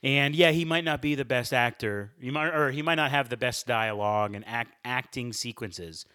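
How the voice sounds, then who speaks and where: A young man hosts a laid-back podcast with his friends. His voice sounds bright and forceful, and he talks in an upbeat, chatty way, laughing easily. His pitch sits in the middle for a man. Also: normal speed. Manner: upbeat, talkative, laughs often. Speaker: podcast host. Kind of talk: casual podcast chat.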